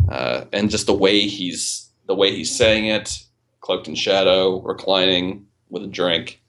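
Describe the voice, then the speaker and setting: A man's voice: low voice, unhurried, a bit bright. A man hosting a casual podcast chat, rambling with many fillers and restarts and swearing casually. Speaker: podcast host.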